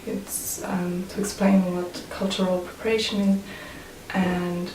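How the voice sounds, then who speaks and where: A Swiss woman, a photographer whose native tongues are German and French, speaks non-native English with a Swiss accent, casual and hesitant like a personal vlog. Her voice runs lowish and a little mellow, delivered completely flat and a bit slowly. Recorded from a distance in a roomy space, with faint noise.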